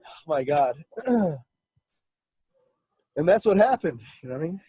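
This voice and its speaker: A man telling an encounter story as an interview guest, excitedly acting out quoted voices and laughing often. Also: fairly high pitch, measured pace, breathy edge, dry recording. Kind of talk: animated storytelling. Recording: dull lo-fi dry sound.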